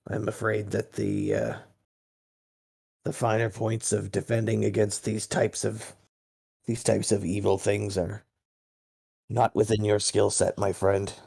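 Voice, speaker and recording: A man voicing a courteous, grave gnome warrior in a tabletop game, speaking in a formal, measured way. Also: on the low side, creaky, darkish tone, husky, heavily acted. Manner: formal, solemn, measured speech.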